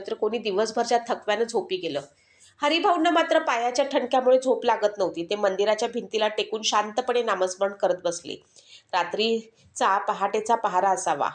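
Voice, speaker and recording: Woman, scripted storybook narration, earnest and measured, echoey room. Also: on the high side.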